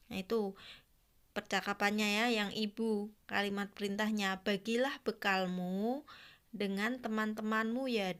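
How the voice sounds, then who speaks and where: A woman teacher, patiently explaining a grammar lesson to young pupils and asking them questions. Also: mid-range voice.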